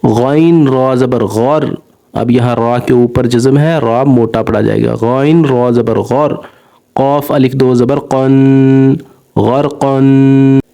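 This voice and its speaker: A man teaching Quran recitation, spelling out each letter and syllable and then drawing out the joined word slowly and patiently. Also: medium pitch, fairly even intonation, vocal fry, dark tone.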